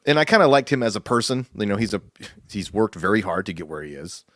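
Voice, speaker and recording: A man's voice: fairly low pitch, big pitch swings, quick pace, a bit bright, no echo, clean studio sound. A man co-hosting a podcast, rambling in casual chat and laughing often. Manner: rambling, laughs often, quotes people in put-on voices. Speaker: podcast co-host.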